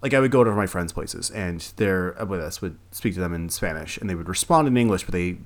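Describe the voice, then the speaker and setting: A man with a very low voice co-hosts a casual movie review chat. He swears freely and laughs a lot. His talk jumps into excited, animated bursts. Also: quick pace. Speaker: podcast co-host.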